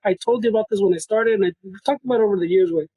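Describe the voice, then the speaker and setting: Man, high husky voice, slangy and profane, Spanglish podcast banter. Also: racing, mellow, dry recording, rough recording. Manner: brash, laughing banter full of slang and swearing. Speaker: podcast co-host. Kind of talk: casual chat, switching between English and Spanish.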